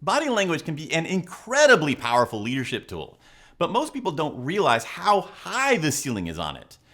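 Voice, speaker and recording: Bright, animated man giving coaching commentary. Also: fairly high pitch, moderate pace. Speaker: body language and leadership coach, video host. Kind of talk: analytical commentary to viewers.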